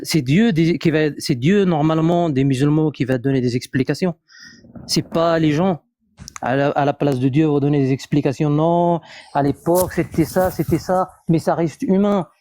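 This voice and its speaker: Halting man with a Moroccan accent in French. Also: fairly high pitch, a little mellow, no room sound, clean studio sound. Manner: halting, searching for words, repeats himself. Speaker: live discussion participant. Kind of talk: casual live debate.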